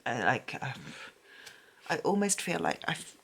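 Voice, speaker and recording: She's a book vlogger who is losing her voice and feels tired and unwell, talking casually and rambling with many fillers and restarts. Her voice is low and breathy with vocal fry, swinging widely in pitch at a measured pace.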